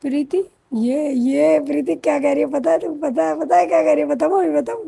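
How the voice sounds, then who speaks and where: A woman's voice: sits high, fairly even intonation, a little fast, creaky, dark tone, no echo. A young woman, chatting and joking with viewers in a vlog. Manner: teasing, joking running commentary. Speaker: vlogger. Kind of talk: casual vlog chat with viewers.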